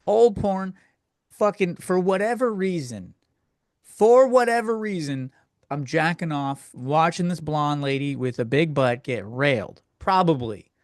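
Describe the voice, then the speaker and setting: The host's fairly high voice is expressive and measured, captured at studio quality with no echo. Answering listener questions on his comedy podcast, he rants solo in a crude, meandering, self-deprecating way.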